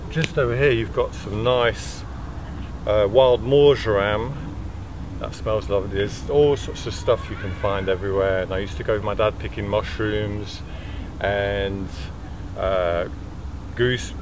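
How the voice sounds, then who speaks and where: A man in his thirties, from Belgium, talking casually and hesitantly with many fillers while walking through the countryside valley. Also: on the low side. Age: 30s. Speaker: furniture maker. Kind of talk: outdoor walking vlog. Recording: noisy outdoor recording.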